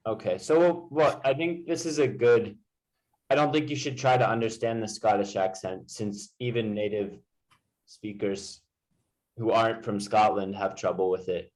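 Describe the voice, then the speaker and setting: A man's voice: lowish voice, normal speed, a little mellow, low-quality recording. A man tutoring English one to one, explaining informally with everyday examples. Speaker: English teacher.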